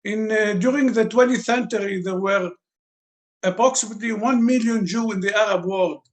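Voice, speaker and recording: A man's voice: high-pitched, normal speed. A man in his fifties from Lebanon, speaking English as an interview guest, searching for words and breaking his grammar. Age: 50s. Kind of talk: interview answers.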